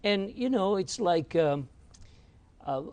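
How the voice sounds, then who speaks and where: A man from Argentina whose first language is French, a rabbi recounting his experiences at an unhurried pace as an interview guest. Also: high-pitched, lively intonation, a little mellow, no echo. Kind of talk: reflective storytelling.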